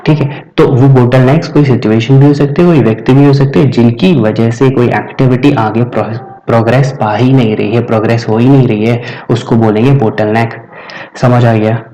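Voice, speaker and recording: A man's voice: medium pitch, steady tone, moderate pace, warm tone, lo-fi sound. A man teaching vocabulary, explaining patiently and repeating each answer for his students. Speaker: English teacher. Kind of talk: vocabulary lesson.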